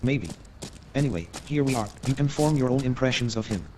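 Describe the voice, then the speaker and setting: An actor in a radio drama plays a polite, gossipy Victorian gentleman, explaining himself hesitantly in a formal, measured way that sounds uneasy. The performance is light, his mid-range voice expressive, with a little hiss or hum on the recording.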